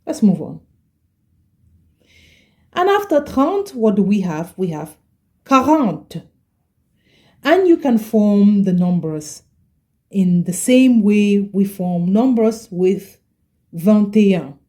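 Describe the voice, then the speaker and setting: A woman teaching a French lesson, explaining patiently and repeating each word slowly, often checking in with "okay?". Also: mid-range voice, sing-song, warm tone. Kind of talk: slow explanatory language lesson.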